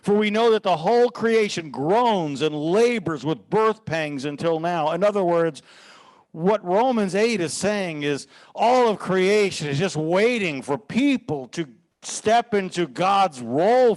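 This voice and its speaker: A man's voice: high voice, expressive, unhurried. A man preaching as a pastor, teaching earnestly and quoting scripture in a sermon.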